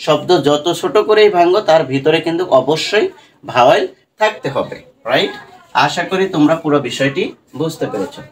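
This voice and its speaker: A man with a Bangladeshi accent leads an online English pronunciation lesson in Bengali. His voice sits slightly high, and he spells each word letter by letter. A faint hiss of background noise runs underneath. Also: lively intonation, a little fast. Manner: spells words letter by letter, asks "right?" often. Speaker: English teacher.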